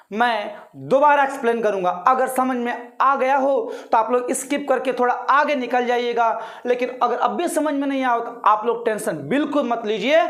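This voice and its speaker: A man with a very high-pitched, somewhat bright voice teaches an online math lesson, reassuring his pupils and keeping them engaged with repeated questions. He goes over steps slowly so they can say them along with him.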